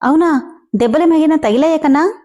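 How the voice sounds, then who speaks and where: A guarded young mother who speaks curtly and turns anxious over her son, voiced by a woman narrator. The voice is high and mellow. This is storybook drama read aloud. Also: normal speed, close to an everyday voice. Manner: curt, anxious. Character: guarded young mother, curt with an old rival.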